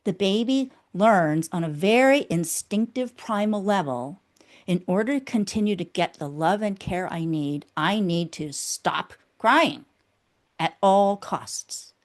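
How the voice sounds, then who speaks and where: A woman explaining her ideas as a guest in an interview. She talks like a teacher, walks through each step and keeps checking in with a quick "okay?". Her pitch sits in the middle range. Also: expressive. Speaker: guest, inner critic specialist.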